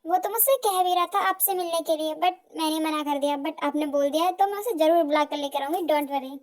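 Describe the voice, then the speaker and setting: A woman voicing a lively, protective younger sister who chatters excitedly and gets indignant, in an amateur fan audio drama. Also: high voice, fairly quick, natural voice. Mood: teasing.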